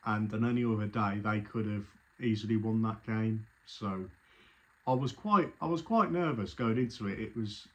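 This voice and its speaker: A man's voice: on the low side, moderate pace. A man, a football fan, recounting an away trip in a casual, rambling way with frequent restarts. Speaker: football fan telling his story. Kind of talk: casual spoken recollection.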